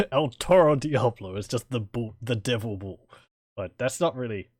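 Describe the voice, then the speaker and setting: A man giving casual, halting gameplay commentary, thinking aloud as he chats with his viewers. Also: medium pitch, lively intonation, no echo, clean studio sound. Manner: musing aloud, chuckling, halting. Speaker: video game streamer. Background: game music.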